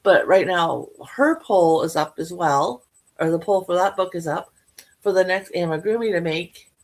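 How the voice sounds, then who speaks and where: A middle-aged woman with a fairly low voice chats to her viewers at a moderate pace about her crochet projects. This crochet vlogger rambles and keeps correcting herself as she goes.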